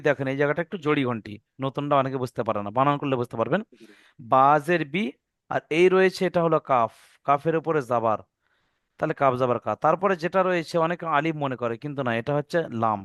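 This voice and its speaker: A man's voice: fairly high pitch, a bit bright, no echo, clean studio sound. Patient man teaching letter-by-letter reading. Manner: patient, spells out letters and vowel marks step by step; draws out recited words slowly. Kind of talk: online reading lesson.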